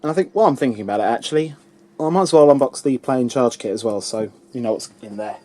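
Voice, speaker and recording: A man's voice: medium pitch, fast talker, mellow. A man giving casual, chatty commentary to the camera as he unboxes a games console at home, talking to the items as he handles them. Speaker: unboxing vlogger.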